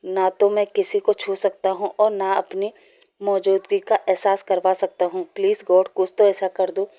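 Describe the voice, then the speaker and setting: A wistful young ghost man from a storybook, lonely and pleading, his voice warm and mellow, as a woman reads him out. The lines stay flat and even in pitch, close to a plain reading voice. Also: normal speed, close to an everyday voice.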